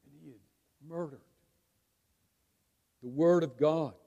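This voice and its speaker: A male pastor delivers a sermon with high, ringing tones. He leans on words and holds dramatic pauses. His voice trails off into the long reverb of a large church hall. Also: mellow, highs cut off. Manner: emphatic preaching with dramatic pauses. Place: church sanctuary.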